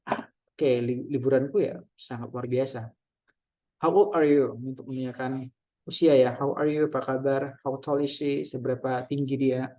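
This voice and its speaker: A man teaching English grammar in a relaxed way, reading out example questions and translating each one. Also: medium pitch, moderate pace, muffled recording. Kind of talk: casual classroom explanation.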